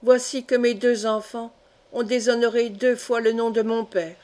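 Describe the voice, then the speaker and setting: A woman's voice: on the high side, level tone, normal speed, warm tone, natural voice. A woman voicing a proud, stern old Breton count, reading him in a solemn, grave way close to her own voice.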